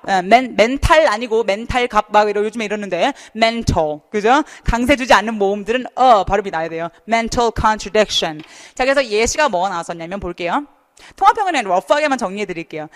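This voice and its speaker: A young adult woman teaching a TOEFL class online, chatty and lively, often asking students questions. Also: on the high side, in a large hall. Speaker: TOEFL instructor. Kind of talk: online lecture.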